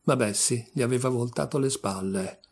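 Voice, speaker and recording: A man reading a literary short story aloud with steady, measured narration. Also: mid-range voice, breathy edge. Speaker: audiobook reader.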